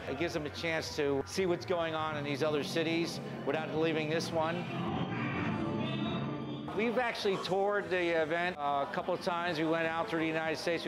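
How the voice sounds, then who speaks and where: A man's voice: on the high side, steady tone, poor audio. Laid-back middle-aged man, music behind. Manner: laid-back, halting with fillers. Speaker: noise festival organizer. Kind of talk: casual interview. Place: indoors in a bar.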